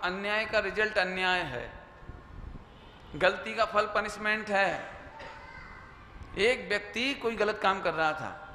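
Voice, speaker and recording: A man giving a Jain sermon to an audience, lively and conversational, mixing in English phrases and acting out quoted lines. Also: high-pitched. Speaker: Jain preacher. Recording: echoey hall with faint noise.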